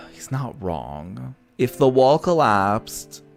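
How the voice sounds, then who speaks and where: His mid-range voice is gravelly and sing-song, stretching words out. This native Portuguese speaker, a gaming content creator streaming a visual novel, gives sassy, opinionated casual commentary and swears freely over background music.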